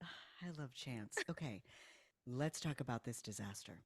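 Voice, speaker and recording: Low-voiced woman game master. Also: lively intonation, a little slow, breathy edge, dry recording. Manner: warm-hearted, filler-heavy, giggly. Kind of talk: narrating a tabletop game.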